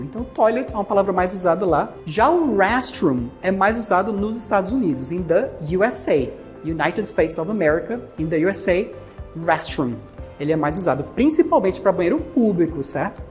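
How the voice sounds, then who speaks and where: Brazilian woman English teacher, lowish, lively voice, patient drill-style delivery, faint music behind. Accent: Brazilian Portuguese. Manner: patient explainer, repeats words slowly for pronunciation drills. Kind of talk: recorded language lesson.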